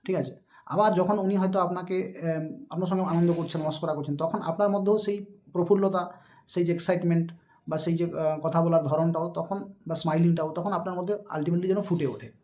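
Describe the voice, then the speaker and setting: A man giving a spoken lesson on interview speaking skills. He explains patiently and acts out his examples, turning suddenly loud or soft. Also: fairly high pitch, steady tone, brisk. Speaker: teacher.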